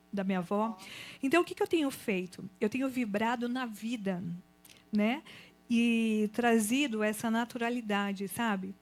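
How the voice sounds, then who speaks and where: Animated woman sharing testimony. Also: fairly high pitch. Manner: animated, expressive storytelling. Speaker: guest giving testimony. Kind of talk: emotional church testimony. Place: church event.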